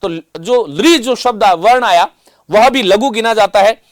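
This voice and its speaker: A male teacher with a strikingly high voice delivers a lecture, spelling out examples slowly and reminding his students again and again to take note. The sound is close and dry, without any room echo. He comes across as a seasoned middle-aged instructor. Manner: explains carefully, often repeats reminders and slowly demonstrates sounds. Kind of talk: classroom lecture.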